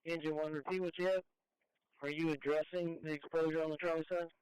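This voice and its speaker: A somewhat high-pitched man works as a firefighter on the radio, issuing urgent, clipped orders to units. His two-way transmission carries light noise and clicks, as on a police and fire scanner. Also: level tone, fairly quick, a little mellow, poor audio. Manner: clipped, procedural commands.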